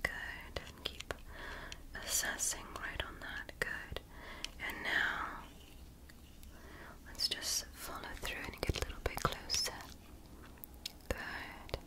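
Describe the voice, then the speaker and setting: In this whispered ASMR roleplay, a woman plays a female alien doctor who is calm and clinical, with only light acting. Her soft, reassuring delivery and precise, measured instructions feel soothing.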